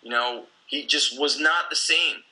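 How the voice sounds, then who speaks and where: Bright-toned, intense man coaching talk. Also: medium pitch, unhurried, low-quality recording. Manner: intense, blunt, swears freely. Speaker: gym owner and coach. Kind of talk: casual podcast conversation.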